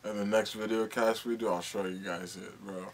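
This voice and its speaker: A man's voice: fairly low pitch, steady tone, moderate pace. A man in his twenties chatting casually as a podcast co-host, full of slang, laid-back and rambling. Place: small indoor studio. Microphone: large desktop studio microphone.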